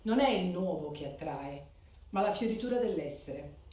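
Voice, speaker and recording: A woman reading a formal ceremonial speech in measured, declamatory phrases. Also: fairly low pitch, expressive, warm tone. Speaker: speaker at a club charter ceremony. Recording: echoey hall, voice from far off.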